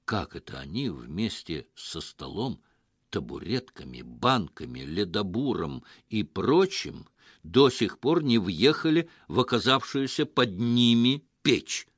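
A man narrating an audiobook story in a measured, even reading. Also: fairly low pitch, husky, no echo, clean studio sound.

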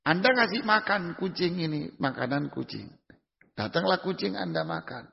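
A man's voice: fairly high pitch, animated, moderate pace, creaky. A man giving a conversational religious lecture as a preacher, putting questions to the audience and answering them himself with everyday examples. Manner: uses everyday examples in casual speech. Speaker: Islamic preacher. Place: lecture hall. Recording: dull lo-fi recording in a reverberant hall.

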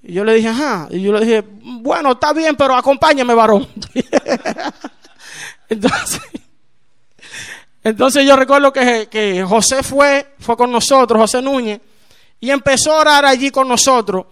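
A man's voice: very high-pitched, a little slow, pauses often, a bit bright, smooth. A man preaching a fervent sermon in a church, breaking into praise interjections and acting out dialogue. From Dominican Republic.

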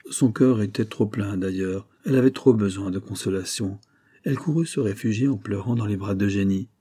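A man narrating a nineteenth-century romance as an audiobook, measured and expressive. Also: on the low side, slightly rough. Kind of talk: literary audiobook reading.

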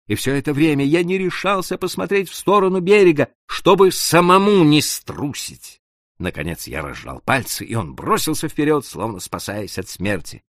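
A man reading a tense sea story aloud as narrator, measured and dropping to a hush at tense moments. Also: medium pitch, dry recording, studio quality. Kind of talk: dramatic audiobook narration.

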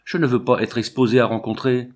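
A frightened young mother begs to be spared, her voice lifted high and strained, as a man reading the story puts her on. The pleading comes through in each line of this audiobook scene. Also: flat delivery, brisk, natural voice.

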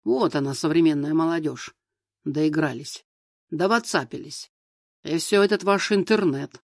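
A man's voice: fairly high pitch, dry recording, clean studio sound. A man voicing a domineering middle-aged mother-in-law in an audiobook, speaking harshly and emphatically. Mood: berating. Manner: harsh, reproachful, slow and emphatic.

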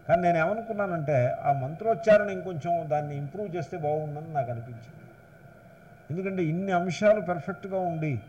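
A man's voice: a little high, a little mellow. Older male spiritual teacher, patient and explanatory, slips into English phrases, lo-fi lecture tape. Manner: explanatory, mixes English phrases, stresses syllables while demonstrating recitation. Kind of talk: scripture discourse. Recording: dull lo-fi lecture recording with faint hiss.

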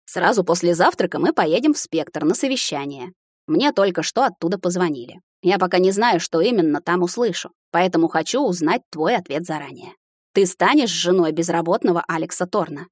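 A woman voicing a determined young male corporate leader who speaks in a calm, dry, teasing way. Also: fairly low pitch, a little fast, no echo.

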